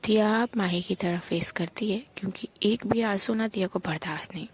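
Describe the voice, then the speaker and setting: A woman narrating a romantic audio story in a soft, intimate whisper. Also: medium pitch, normal speed, breathy edge.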